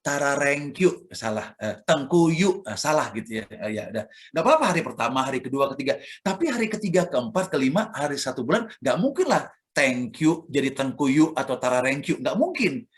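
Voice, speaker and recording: A man's voice: medium pitch, big pitch swings, fairly quick, hardly any pauses. A man with an Indonesian accent, a church elder preaching a sermon who acts out sounds and examples as he speaks.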